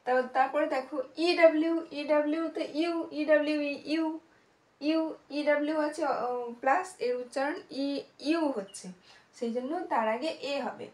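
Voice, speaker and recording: A woman's voice: high-pitched, normal speed. A woman teaching English grammar in Bengali, patiently repeating words and checking if her students understand. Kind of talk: grammar lesson explained in Bengali. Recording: echoey room.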